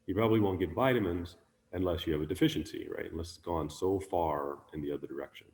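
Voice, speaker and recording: Low-voiced man giving a rambling dharma talk. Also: fast, in a large hall. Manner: relaxed, musing, with many ums and restarts. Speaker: Buddhist teacher. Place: online talk, sharing his screen.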